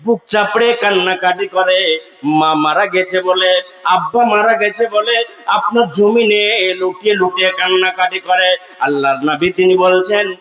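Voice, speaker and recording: A man preaching a sermon, chanting in long drawn-out melodic phrases that swell to shouted peaks. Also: high voice, steady tone, muffled recording. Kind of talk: sung Bengali sermon (waz).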